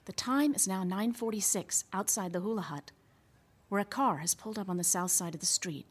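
A woman playing an excitable amateur camerawoman in a sitcom radio play, talking in breathless running commentary. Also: mid-range voice, brisk, breathy edge, lightly acted. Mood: excited commentary. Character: excitable woman filming a stakeout.

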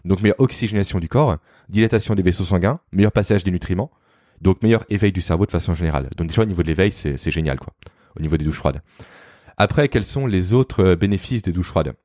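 A man's voice: low voice, a little mellow, dry recording, clean studio sound. A man explaining health topics as a guest, in a didactic, informal way. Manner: fast, didactic, addresses the listener informally. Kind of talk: explanatory podcast talk.

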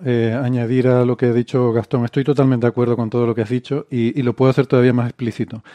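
A man from Spain, co-hosting a science podcast, telling a story in a measured way with many fillers. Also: medium pitch, warm tone, no room sound. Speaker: podcast co-host. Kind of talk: casual debate.

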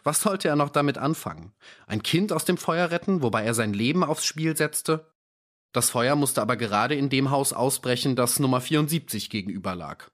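A man's voice: mid-range voice, a bit bright. A man narrating an audiobook in a dry, ironic storytelling manner. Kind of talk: scripted narration.

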